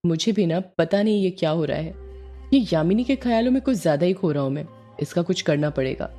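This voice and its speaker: A woman's voice: lowish voice, lively intonation, fairly quick, warm tone, soft background music. A woman voicing a sulky, lovestruck young man in an audio story, complaining in a pouting way. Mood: puzzled.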